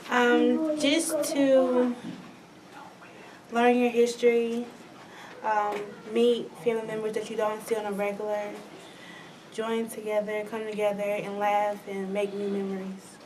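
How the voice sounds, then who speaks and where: A soft-spoken woman answering an interview question after a hesitant start. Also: medium pitch, level tone, measured pace. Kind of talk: casual interview. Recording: distant mic, background noise.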